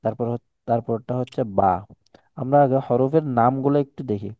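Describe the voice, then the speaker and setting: A man's voice: mid-range voice, dry recording. Patient male Quran teacher, dull audio. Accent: Chittagong Bengali. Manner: patient, explains slowly with repetition and examples. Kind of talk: one-on-one Quran lesson.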